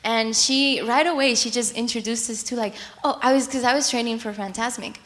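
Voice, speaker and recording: A young woman from Colombia chatting onstage about her church, lively and often laughing. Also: on the high side, brisk. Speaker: church member guest. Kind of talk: onstage testimony. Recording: echoey hall.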